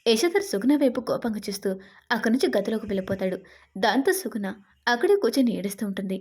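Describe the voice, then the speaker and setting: A woman tells a dramatic serial story at an even pace. Her voice is soft and mellow and sits slightly high. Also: fast, slightly rough.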